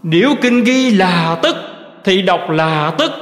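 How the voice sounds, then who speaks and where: A man giving a slow, measured recitation of Buddhist teachings in a scripted reading style. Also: high-pitched, lively intonation, a bit bright. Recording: roomy recording with long reverb.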